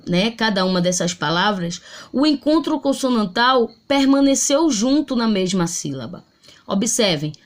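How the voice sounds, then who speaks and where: A woman teacher giving a home video grammar lesson, explaining step by step and sounding out syllables. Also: a little high.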